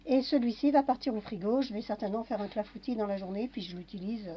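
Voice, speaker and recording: With a husky, mid-range voice and fast delivery, a woman walks through a kitchen demonstration as a home cooking vlogger. She narrates each step casually with little fillers, on a dull lo-fi home recording.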